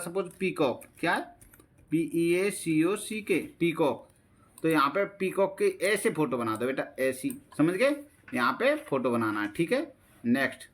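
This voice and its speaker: Slow, patient Indian male teacher. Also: a little high, a bit bright. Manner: slow, patient, repeats each English phrase in Hindi, calls listeners "beta". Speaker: primary school English teacher. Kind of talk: bilingual classroom-style lesson explaining a textbook.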